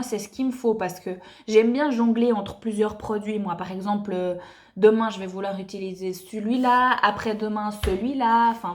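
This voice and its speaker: A young woman reviewing beauty products in a chatty, enthusiastic way with lots of fillers. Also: mid-range voice. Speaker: beauty vlogger.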